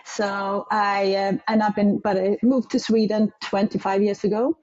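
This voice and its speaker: Middle-aged woman with an Icelandic accent, slow and hesitant, warm low tone, muffled recording. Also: flat delivery. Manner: hesitant, searching for English words. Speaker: guest. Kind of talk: interview storytelling.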